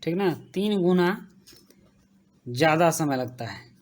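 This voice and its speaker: A woman teaching a grammar lesson, slowly repeating each term as she writes and checking in with her students. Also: deep voice, animated, a little mellow. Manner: slow, repeats terms while writing, checks in with "ठीक".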